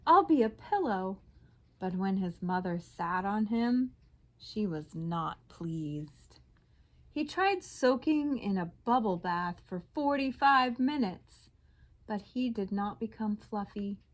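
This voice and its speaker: A woman teacher reading a picture book aloud to her class in a slow, expressive storyteller voice that drops soft on the tag lines. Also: medium pitch.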